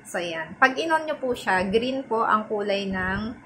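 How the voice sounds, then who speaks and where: A woman of ordinary pitch talks her viewers through a budget microphone review in a friendly, polite way, slipping English words into her sentences. A steady background noise runs clearly under the home recording. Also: unhurried, rough recording. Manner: polite and chatty, sprinkling Taglish and respectful particles; repeats test phrases while comparing mic on and off. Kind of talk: casual product review vlog.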